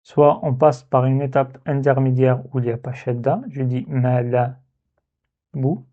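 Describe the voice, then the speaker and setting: A man's voice: medium pitch, level tone, normal speed. A man teaching Arabic letter reading in a step-by-step lesson, patiently repeating syllables to demonstrate. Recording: tinny phone-like sound.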